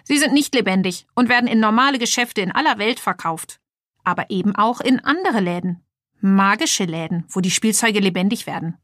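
A woman's voice: mid-range voice, expressive, a bit bright, dry recording, clean studio sound, close to an everyday voice. A woman playing Robob, a proud little toy robot. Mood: explaining. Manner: proud, eager, brisk. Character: cheerful little transforming toy robot, male.

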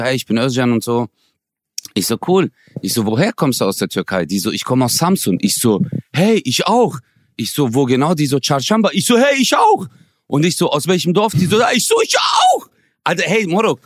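A man in his forties from Germany, co-hosting a podcast and telling a story in a lively, slangy way, acting out the dialogue. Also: mid-range voice, brisk, no echo, clean studio sound. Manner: animated, slangy, acts out quoted dialogue. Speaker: podcast co-host. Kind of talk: casual storytelling chat.

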